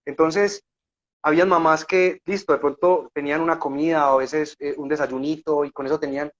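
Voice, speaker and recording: A man's voice: fairly high pitch, steady tone, fairly quick, highs cut off. A man with a Colombian accent, a guest sharing a faith testimony in conversational storytelling, fervent and emotional, often checking in with his listeners.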